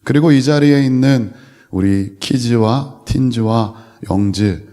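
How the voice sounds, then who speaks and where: A man's voice: mid-range voice, takes it slowly, warm tone. A man who is a pastor preaching a sermon to young people, telling a story and speaking directly to his listeners. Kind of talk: sermon to youth.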